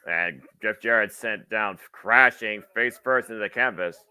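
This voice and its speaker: Male wrestling commentator, bright clean voice, dry close sound, play-by-play, wordy halting analysis. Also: lowish voice, clear, resonant tone, no echo.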